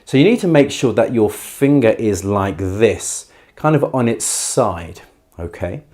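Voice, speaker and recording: A man giving a beginner guitar tutorial in a careful, unhurried way, patiently and reassuringly explaining each step. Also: on the low side, lively intonation, a little mellow. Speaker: guitar teacher. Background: acoustic guitar playing.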